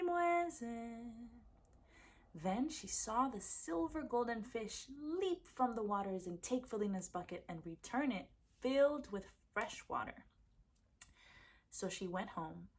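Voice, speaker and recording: A woman with a husky, mid-range voice reads a folktale aloud as a storyteller, narrating expressively for children.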